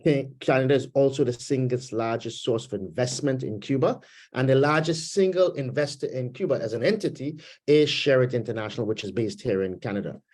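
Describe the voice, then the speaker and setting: On a video call from his home in Canada, a panelist with a Trinidadian accent and Trinidad and Tobago roots offers political commentary during a webinar panel discussion. He has a medium-pitched, darkish voice and a measured, thoughtful delivery full of pauses and fillers.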